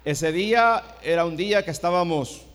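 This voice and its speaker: A middle-aged pastor preaches with a fairly high voice, dropping to a hush and then rising to a shout as he tells his story. The sound carries the long reverb of a large church hall. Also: normal speed. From El Salvador. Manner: storytelling, swings from hushed to shouted. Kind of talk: sermon.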